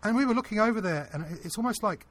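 Husky-voiced man telling a story. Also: high voice, racing. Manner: earnest, animated anecdote-telling. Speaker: interview guest. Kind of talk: casual storytelling.

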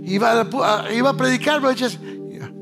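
A man preaching a fervent sermon as pastor, switching between shouted sing-song lines and low, quiet murmurs. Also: fairly quick, vocal fry. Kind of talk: Pentecostal-style sermon. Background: music playing.

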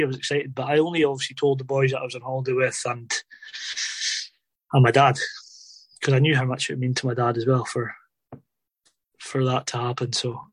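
A man's voice: mid-range voice, a bit bright, no room sound. A man telling stories in an interview about his days as a footballer, rambling casually with lots of fillers like "obviously" and "you know". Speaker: former footballer guest.

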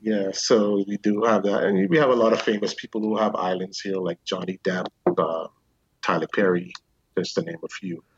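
A Bahamian man in his fifties, a real estate agent answering interview questions in a measured, explanatory way with frequent ums. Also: low-pitched, little pitch movement, slightly rough, no room sound, muffled recording. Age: 50s. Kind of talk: remote interview.

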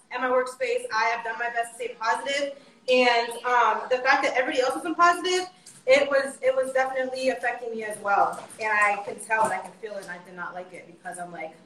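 A woman's voice: high voice, pushed and bright. A young woman guest in a casual chat, talking earnestly and with emphasis, a little breathless. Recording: roomy sound, faint background noise.

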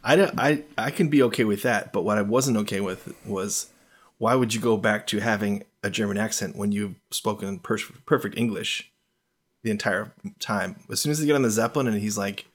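A man's voice: fairly low pitch, a little fast. A man in a casual film review chat, wryly complaining about plot holes. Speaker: podcast co-host.

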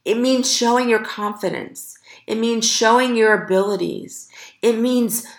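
A woman hosting a podcast, giving an earnest, encouraging motivational talk with slow, emphatic delivery. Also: fairly high pitch, reverberant. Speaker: podcast host.

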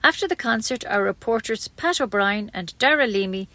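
A woman's voice: fairly high pitch, animated, moderate pace, sharp tone. A woman with an Irish accent reading a scripted introduction as a radio presenter.

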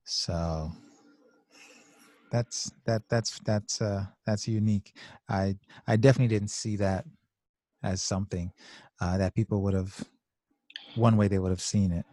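A man co-hosting a podcast as a clinician, talking through ideas in a thoughtful, measured way with hesitant restarts. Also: on the low side, fairly even intonation, mellow, no room sound, studio quality. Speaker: podcast host, clinical social worker. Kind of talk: casual podcast discussion.

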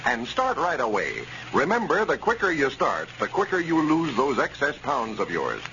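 Old radio announcer man, very animated, noisy recording. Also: fairly high pitch, moderate pace, vocal fry, dull audio. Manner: folksy, emphatic salesmanship. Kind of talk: old-time radio announcer, sponsor pitch. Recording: noisy, band-limited vintage radio recording.

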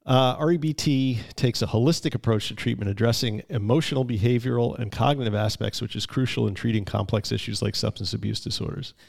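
A man's voice: mid-range voice, a little fast, creaky, few pauses, darkish tone. A man co-hosting a recovery podcast, talking casually, reading bits from notes and telling jokes. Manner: conversational, reads notes aloud, tells jokes. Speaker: podcast co-host.

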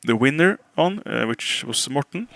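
Hosting a relaxed podcast conversation over a call, this man from Norway speaks accented English, hesitating often, leaning on fillers, and laughing readily. His mid-range voice is creaky and a bit bright, animated at a moderate pace, with no echo.

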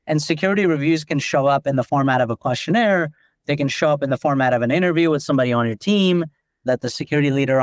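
A company founder and CEO from Nepal is a guest on a podcast interview, explaining things with plenty of "like" fillers. His voice is on the high side, and there's no room sound.

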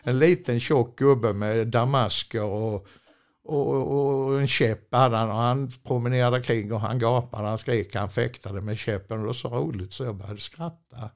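An older man, a former truck driver, telling a long anecdote in a chatty, meandering way, with many fillers and restarts and frequent chuckles. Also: medium pitch. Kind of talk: rambling anecdotal storytelling.

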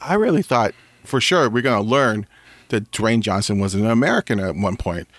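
A man's voice: lowish voice, expressive, normal speed, no echo. A man co-hosting a movie review chat, talking in a rambling way with many restarts. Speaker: podcast co-host reviewing movies. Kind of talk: casual chat.

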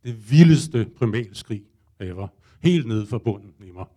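A man's voice: mid-range voice, lively intonation, mellow. A man spins a comic first-person tale for a live audience in a loose, conversational way. He throws himself into his own panic and inner thoughts, and his speech is peppered with casual swearing. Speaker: storyteller addressing a live audience.

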